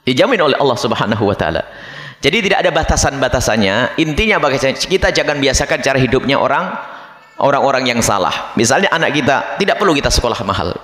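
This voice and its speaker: A man giving a religious lecture to a congregation, animated, acting out the voices of people he describes. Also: mid-range voice, fast talker. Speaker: Islamic preacher. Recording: echoey hall with long reverb.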